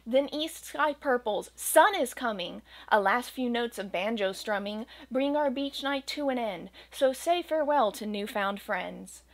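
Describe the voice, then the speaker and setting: With hardly any pauses and at a slightly slow pace, a young woman reads a rhyming picture book in a gentle, expressive storytelling style that bounces with the verse. Her voice is slightly high, and she's close to the camera in a small home room with bookshelves and a green screen.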